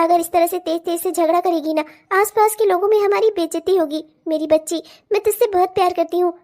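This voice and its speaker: Casting: woman as a high-voiced cartoon mother-in-law, honeyed and sly. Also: a little mellow. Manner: coaxing, motherly. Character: soothing middle-aged mother-in-law, cunning. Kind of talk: cartoon voice acting.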